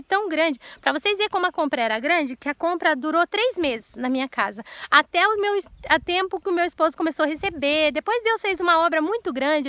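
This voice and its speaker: A woman's voice: high-pitched, fairly bright tone, no echo. A woman, in her thirties, telling an earnest personal faith testimony straight to her listeners and repeating words for emphasis.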